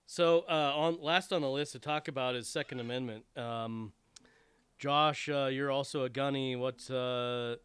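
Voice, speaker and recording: A man's voice: mid-range voice, fairly even intonation, unhurried, a bit bright, clean tone. An American man co-hosting a podcast, chatting casually with wry, joking asides. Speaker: podcast co-host. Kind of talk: casual chat.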